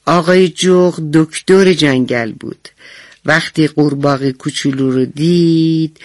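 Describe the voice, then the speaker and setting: A woman's voice: extremely low pitch, no echo. A woman narrating a bedtime story on the radio for children, talking to them directly and affectionately. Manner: warm, addresses children directly.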